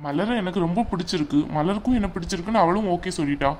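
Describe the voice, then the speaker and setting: Cartoon role: easygoing young man, lowish voice, voiced by a woman. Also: quick pace, darkish tone, slight background noise, close to an everyday voice. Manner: reassuring, easygoing. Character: young man, calm, soothing fiancé. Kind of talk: cartoon voice acting.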